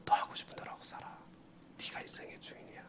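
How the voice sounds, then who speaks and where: A man voicing a sly male devil who tempts people, in a whispered role-play with a hushed, coaxing voice. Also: fast talker, close to an everyday voice.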